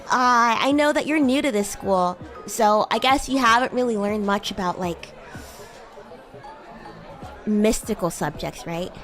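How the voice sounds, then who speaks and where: A VTuber streamer improvises an in-character livestream as a bratty, playful demon schoolgirl, teasing and giggling while calling her listener "human." Her medium-pitched voice is a bit bright and a little slow, with long pauses, over soft background music and some chatter.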